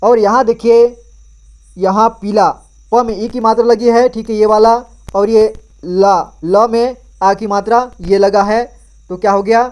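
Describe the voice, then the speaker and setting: A man's voice: sits high, steady tone, unhurried, darkish tone, clean tone. A man teaching a Hindi reading lesson, patiently sounding out each syllable and asking the viewer to read along.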